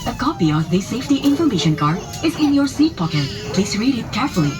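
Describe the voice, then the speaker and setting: A woman's voice: on the high side, sing-song, a little fast, music in the background. A woman reads a formal, instructional airline safety demonstration as a scripted cabin announcement. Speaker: flight attendant announcer.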